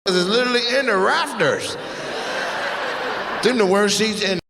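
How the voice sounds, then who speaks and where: A man's voice: high voice, gravelly, heavy background noise. A man doing live stand-up crowd work, brash and teasing, recorded in a large venue. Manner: brash, teasing, quick-witted. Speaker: stand-up comedian. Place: large comedy venue, on stage. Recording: live venue with long reverb and loud background.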